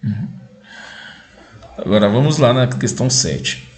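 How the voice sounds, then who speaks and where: A man's voice: medium pitch, expressive, measured pace. A man, casually walking through exam questions, reading them aloud and checking each answer as he goes. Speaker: exam-prep video host.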